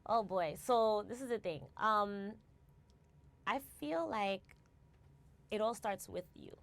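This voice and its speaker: Speaking slowly in a medium-pitched, fairly bright voice, a female founder from the United States muses as an interview guest. She often adds "right?" and restarts words along the way.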